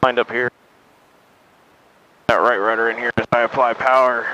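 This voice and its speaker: A man's voice: mid-range voice, flat delivery, normal speed, bright, forceful tone, lo-fi sound. A man piloting a small plane, making air traffic control radio calls and talking casually to himself. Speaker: pilot narrating his solo flight. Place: inside a small airplane. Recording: faint cockpit engine noise.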